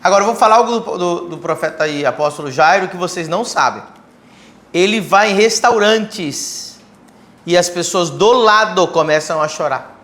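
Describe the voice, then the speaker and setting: A man's voice: sits high, moderate pace, fairly bright tone. A man pastor on a church livestream, enthusiastically promoting an event and talking at length. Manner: enthusiastic promoter, talks a lot.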